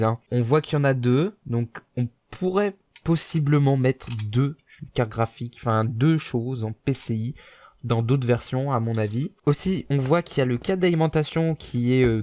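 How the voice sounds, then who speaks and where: A man walks viewers through a piece of hardware in a loose, chatty way, full of filler words and asides. His voice sits at an ordinary middle pitch. The tone is relaxed and informal, like a hobbyist talking to his audience. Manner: rambling, chatty, with filler words and little laughs. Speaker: tech video host. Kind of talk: casual hands-on hardware walkthrough.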